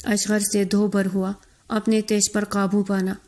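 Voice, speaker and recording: A woman narrating a romance novel in a steady, expressive reading. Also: medium pitch.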